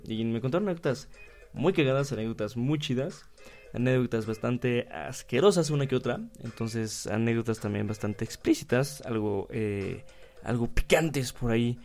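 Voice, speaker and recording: A man's voice: medium pitch, a little mellow. A young man with a Mexican accent, hosting casually, reading out listener stories and joking in slang. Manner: slangy, joking, laughs often. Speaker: podcast host.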